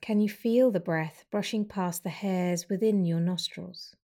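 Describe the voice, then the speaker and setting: In a mellow, slightly low voice, a woman guides a breathing meditation. Her instructions come slowly, softly and soothingly, separated by long pauses.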